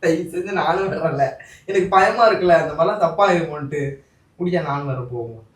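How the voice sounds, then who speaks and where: A man's voice: a little high, brisk, reverberant. A man acting out a couple's quarrel in a vlog skit, pleading and emotional.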